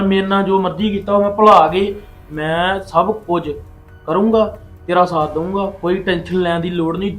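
A man's voice: high-pitched, a bit bright. A man playing a son-in-law in a family drama, insistent and reassuring, repeating himself as he talks. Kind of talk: Punjabi family web drama acting.

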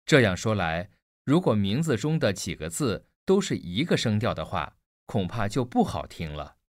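A man with a mid-pitched, animated voice plays a curious student and asks questions in a scripted textbook dialogue. The sound is dry and close, with no room around it. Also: normal speed, dry recording. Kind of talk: scripted listening-exercise dialogue.

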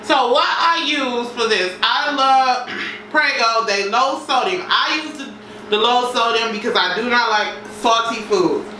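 A chatty woman with a fairly high voice talks a little slowly as she cooks in a roomy home kitchen, relaxed and full of folksy phrases. She's a home cooking vlogger giving a casual demo indoors, caught by a far-off camera mic. The recording is noisy, with dishes clattering around the spacious room.

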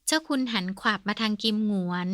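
A woman narrating a humorous period novel as an audiobook reader, with a steady storytelling delivery. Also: mid-range voice, fairly quick, no echo, studio quality. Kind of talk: scripted narration.

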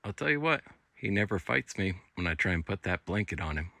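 Gravelly low-voiced man, laid-back vlog. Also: lively intonation, a little fast, bright, forceful tone, no room sound. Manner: laid-back, chatty, talks to his dog. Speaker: overlanding vlogger. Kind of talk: casual how-to vlog. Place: outdoors at a wooded campsite.

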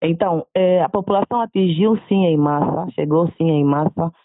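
A woman's voice: lowish voice, moderate pace, no echo. A woman, a doctor summing up the community health event she organized. She talks in long lists and repeats words for emphasis. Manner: repetitive, stacking lists. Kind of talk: event summary in a report. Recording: tinny phone-like sound.

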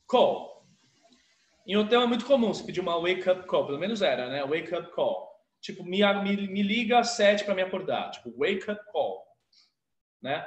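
A man's voice: high voice, reverberant. A man teaching an online English lesson, reading short dialogues aloud and explaining the vocabulary patiently.

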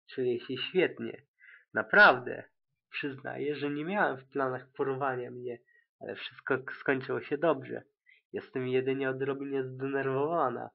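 A patient, bookish young unicorn mare who reassures a fussing friend with mild weariness, read by a man in his own voice. The pitch is ordinary and middling. The audio is narrow and tinny, like a phone call. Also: vocal fry. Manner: patient, reassuring, slightly weary. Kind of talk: amateur audiobook reading.

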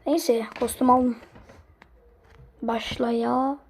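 A woman's voice: on the high side, fairly even intonation, very slow, slightly rough. A woman commentating her own gameplay, swinging between muttered asides and frustrated, cursing outbursts at her teammates. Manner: drops to muttered asides between loud cries. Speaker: gaming streamer.

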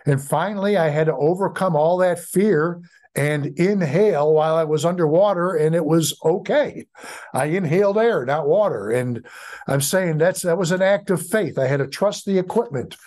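Middle-aged American male pastor, preaching with many ums and restarts, slightly high voice. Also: a little mellow. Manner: halting, many fillers and restarts. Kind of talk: sermon.

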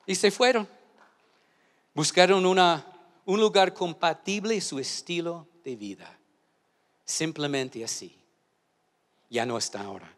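Speaking at a measured pace with frequent pauses, a male pastor leads call-and-response during a sermon in a church auditorium. He shifts back and forth between shouted lines and low-voiced asides.

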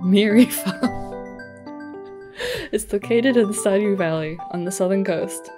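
Woman reading as a soft-spoken old grandfather. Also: mid-range voice, lightly acted. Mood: tender. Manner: slow, soft, reading aloud. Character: gentle old grandfather, dying, wise. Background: background game music.

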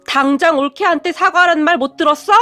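A strict, scolding elderly father-in-law who barks orders at his grown daughter, read by a woman in a high, raised storybook voice. The voice sits well above her own register and stays firm and commanding throughout. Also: fast talker, pushed and bright, faint music behind.

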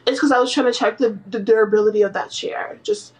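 A young woman hosting a prank video chat, asking strangers odd questions in a rambling, deadpan way. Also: fairly high pitch, fast talker, rough recording. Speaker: livestream host.

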